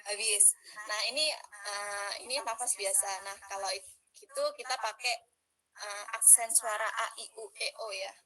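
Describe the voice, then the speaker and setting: A young woman with a bright, forceful voice leads a relaxed public speaking workshop. She talks in a chatty way, full of fillers, as she walks listeners through breathing drills. Her pitch sits in an ordinary middle range. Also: moderate pace, rough recording. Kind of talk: casual online workshop talk.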